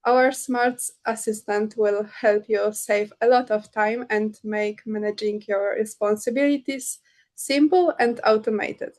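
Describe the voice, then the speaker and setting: A woman's voice: medium pitch, fairly even intonation, measured pace, darkish tone. A young woman from Poland giving a prepared student presentation over a video call, reading from a script with occasional fillers.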